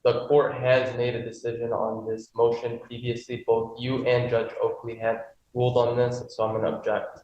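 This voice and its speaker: A man's voice: mid-range voice, completely flat delivery, normal speed, few pauses, darkish tone. A man speaking as prosecutor at a court hearing, formal and matter-of-fact, heard in a courtroom recording. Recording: dull, echoey courtroom audio, distant mic, clear hiss.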